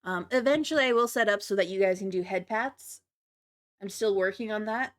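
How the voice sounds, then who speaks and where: A woman livestreamer chatting casually to viewers, with a giggly, apologetic and slightly nervous manner. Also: medium pitch. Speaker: livestreamer, virtual avatar host.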